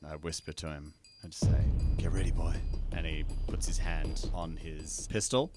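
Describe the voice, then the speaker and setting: A man's voice: very deep voice, moderate pace. A man playing a tabletop game, describing his character's actions in a laid-back, wry way, over background music. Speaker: player. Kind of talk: casual tabletop play.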